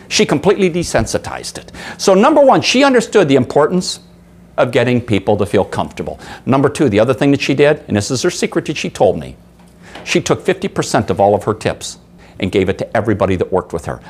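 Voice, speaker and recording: A sales trainer addresses a room of workers in a seminar, animatedly telling anecdotes, acting out voices, and quizzing the audience. His voice is medium in pitch.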